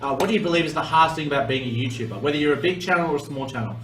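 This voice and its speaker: A man's voice: on the high side, racing, a bit bright. A man giving casual, informal let's play commentary as a gaming YouTuber, sweary and exclamatory. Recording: roomy, distant mic under game music.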